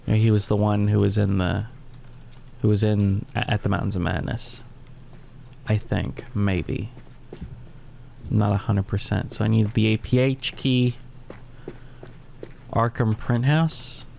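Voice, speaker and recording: Gravelly-voiced man rambling over gameplay. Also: lowish voice, steady tone, unhurried, long pauses, a little mellow, a little hiss or hum. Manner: rambling, thinks aloud with self-corrections. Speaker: gaming channel host. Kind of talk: casual let's-play commentary.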